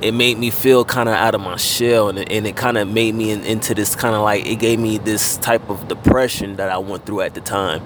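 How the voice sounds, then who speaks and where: A man in his thirties talks with an easygoing, unhurried drawl, sprinkling in fillers and casual curses. His voice sits low. Car traffic hums loudly behind him on a noisy recording. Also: fairly even intonation. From Fort Lauderdale, Florida. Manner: laid-back, heavy on fillers and casual swearing. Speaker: guest rapper. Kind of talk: casual interview chat.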